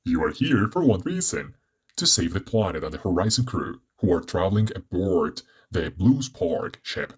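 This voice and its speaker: A man's voice: low voice, slightly rough, heavily acted. A man voicing a cheerful, chatty robot satellite with a robotic, sparkling voice and theatrical delivery. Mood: explaining. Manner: theatrical, lively, drawn-out delivery. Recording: soft music underneath.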